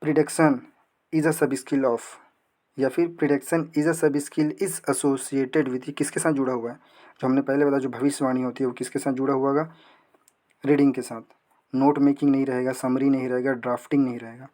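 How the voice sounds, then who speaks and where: A young man leads an exam prep lesson. He poses questions and answers them himself. He slows right down when reading English passages aloud. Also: medium pitch, level tone, dark tone. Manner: asks and answers own questions, reads English slowly. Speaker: teacher.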